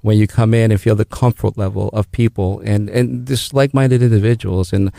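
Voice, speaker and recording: A man's voice: lowish voice, fairly even intonation, a little fast, gravelly, mellow, no room sound, studio quality. A middle-aged man from El Salvador, a native Spanish speaker, talking as a guest in a radio interview, with many restarts and fillers. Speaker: guest, business founder.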